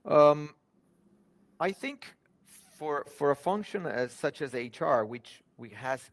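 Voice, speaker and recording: A man's voice: a little high, animated, takes it slowly, no echo. A man from Argentina, talking earnestly as a guest about his working life. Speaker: podcast guest, HR professional. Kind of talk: conversational interview.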